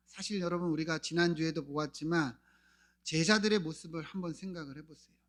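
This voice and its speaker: A male pastor preaching a sermon, asking the congregation questions and answering them himself, his delivery swinging between loud calls and soft near-whispers. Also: a little high. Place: church.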